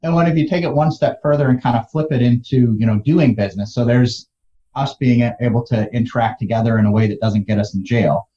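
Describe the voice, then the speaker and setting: Male guest, dark mellow tone, casual business talk, dull recording. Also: medium pitch, fast. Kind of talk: casual conversation.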